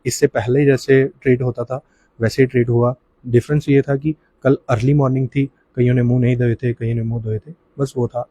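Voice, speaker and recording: Husky dark-voiced man. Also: mid-range voice, level tone, dry recording, highs cut off. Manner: halting, with restarts, often addresses the listener as sir. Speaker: relative of the deceased, interviewee. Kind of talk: emotional first-hand account.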